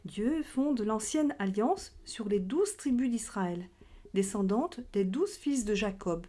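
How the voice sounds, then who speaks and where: A catechism teacher speaks in a mid-range, mellow voice with lively intonation and a slow pace. She is giving a children's religion lesson as a question-and-answer dialogue, explaining things simply as if to young listeners.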